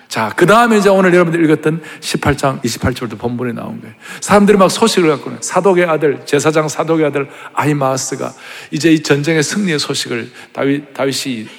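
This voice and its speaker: A male pastor preaching a sermon, telling the story dramatically and swinging between hushed tones and shouts. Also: medium pitch, gravelly, long reverb tail.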